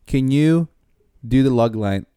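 A man co-hosting a casual podcast chat, halting and pausing with ums. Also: medium pitch, lively intonation, mellow, clear, resonant tone, no room sound, clean studio sound. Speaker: podcast co-host.

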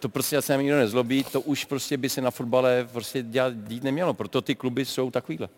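A man's voice: mid-range voice, fairly even intonation, slight background noise. A man, a former player on a sports panel, talking bluntly and dismissively in slang. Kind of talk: casual studio debate.

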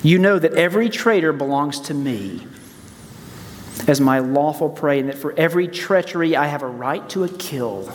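A man's voice: a little high, lively intonation, normal speed, a little hiss or hum, lightly acted. Cruel imperious witch queen read by a male pastor. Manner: claiming, imperious. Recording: church hall reverb, soft music.

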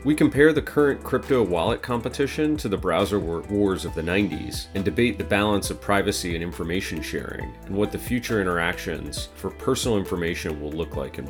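A man with a low voice hosts a tech podcast, reading his opening from a script and then turning to easygoing, curious questions. Faint guitar music plays beneath his voice. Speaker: podcast host. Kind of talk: scripted podcast intro, then conversational interviewing.

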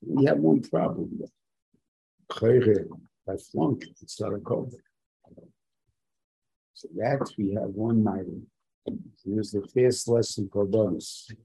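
Gravelly man teaching Torah. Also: fairly low pitch, slow, long pauses, warm tone, low-quality recording. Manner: rhetorical questions and short emphatic repetitions. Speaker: rabbi giving a Torah lesson. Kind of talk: informal religious lecture.

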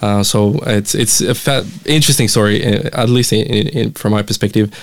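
A young man with a Romanian accent and a low, smooth, clear voice. He chats in a friendly way, stopping and restarting often as he talks. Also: normal speed. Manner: friendly, hesitant with many fillers and restarts. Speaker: mission representative, guest. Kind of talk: casual interview chat.

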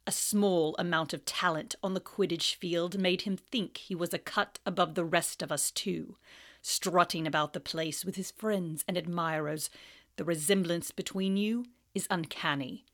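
A woman reading aloud and voicing a cold, sneering male professor, speaking slowly and menacingly. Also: fairly low pitch, steady tone, a bit bright.

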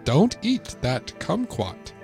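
A man's voice: fairly high pitch, huge pitch swings, gravelly, darkish tone, faint music behind, pitched above the performer's own voice, full character voice. A man mimicking a stiff robot voice. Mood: deadpan robotic. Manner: slow, stiff, sing-song robotic delivery. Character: male text-to-speech robot narrator of a video app.

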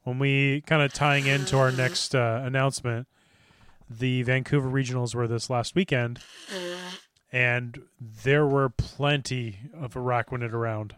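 A man's voice: medium pitch, level tone, unhurried, fairly bright tone, slight background noise. A man co-hosting a casual chat show, upbeat and laughing often as he explains game strategy. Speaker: podcast co-host.

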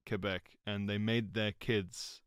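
A man's voice: lowish voice, little pitch movement, slow, clear, resonant tone, no echo, clean studio sound. A man co-hosting a podcast, adding wry remarks in casual chat. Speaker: podcast co-host.

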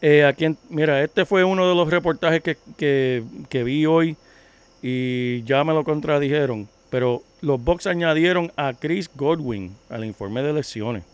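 A man's voice: fairly high pitch, unhurried, smooth, no room sound. A man co-hosting a podcast, chatting casually about fantasy football news and laughing often. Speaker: podcast co-host. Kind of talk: casual sports talk.

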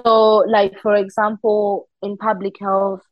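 A young woman from Zimbabwe speaks as an interview guest in a middle-pitched voice. She tells her working life with animation, and she acts out the words of others. The sound is dry and slightly muffled. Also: unhurried, no room sound. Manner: animated storytelling with frequent laughs and quoted asides. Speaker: interview guest, humanitarian worker. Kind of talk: casual interview conversation.

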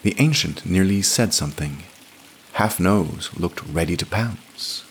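A man narrating a scripted fantasy story in a measured, expressive reading. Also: sits low, a little hiss or hum.

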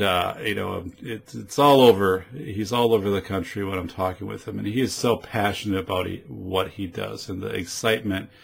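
A man hosting a podcast in a casual, rambling monologue, with halting delivery, on a studio microphone. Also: lowish voice, creaky, husky. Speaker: podcast host.

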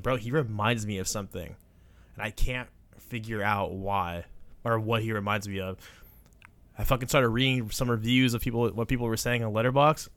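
A man's voice: on the low side, fairly bright tone, clean tone, dry recording. A young man co-hosting a podcast, chatting casually about films in an informal, slangy way with some swearing. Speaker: podcast co-host. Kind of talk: casual film chat.

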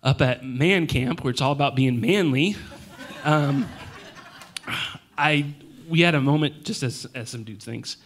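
A man in his thirties, a pastor with a hoarse, worn voice, reflects personally and informally at a church service, in a halting, self-deprecating way. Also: mid-range voice, a bit bright, slight background noise. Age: 30s. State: hoarse, voice nearly gone.

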